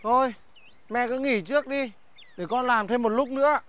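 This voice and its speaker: A man's voice: very high voice, normal speed, a bit bright. A young man playing a pampered rich son in a folk comedy TV drama, speaking hesitantly, with music playing under his lines. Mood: earnest. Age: young adult. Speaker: comic lead.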